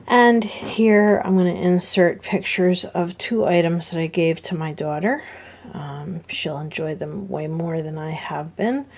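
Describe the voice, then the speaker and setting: A middle-aged woman chatting casually to camera about decluttering, unhurried and chatty with small laughs. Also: on the low side, darkish tone. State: out of breath. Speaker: decluttering vlogger.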